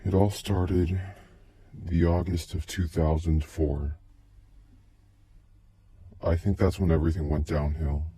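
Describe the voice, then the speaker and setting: A man telling a first-person tale as a recorded tape, his voice disguised by a deep pitch-shifting voice changer, in a slow, halting, brooding delivery. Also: fairly even intonation, mellow.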